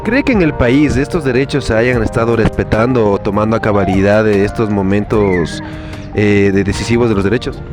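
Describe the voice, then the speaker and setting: A man's voice: on the low side, a little fast, music in the background. A man interviewing passers-by on the street, asking formal and sometimes stumbling questions about parents' rights.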